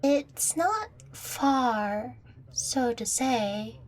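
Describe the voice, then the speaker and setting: Acted by a woman, a playful young catgirl girlfriend speaks in a fairly high, very unhurried voice, affectionate, teasing and secretive as she tenderly coaxes the listener in an intimate audio roleplay. Her full, expressive character voice comes through a low-quality recording.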